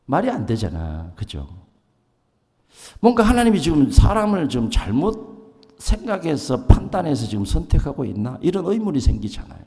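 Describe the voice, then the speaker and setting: A male pastor preaching a sermon in an animated way, often putting questions to the congregation and acting out quotes. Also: a little high, moderate pace. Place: church sanctuary. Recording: long hall reverb.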